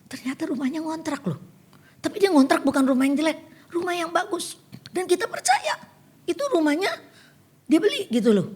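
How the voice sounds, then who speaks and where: A woman's voice: very high voice, big pitch swings, brisk, long pauses, darkish tone. An older woman preaching a sermon in a chatty storytelling way, acting out the conversations she tells.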